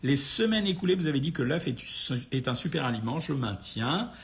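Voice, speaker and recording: A man speaks in a fairly high-set but gravelly, hoarse voice that sounds worn out. He takes audience questions informally, replying bluntly and familiarly, straight to the listener. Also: very animated, fairly quick, slight background noise. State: tired, a bit worn out. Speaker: doctor hosting a nutrition question-and-answer session. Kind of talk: informal live question-and-answer, reading out comments and replying.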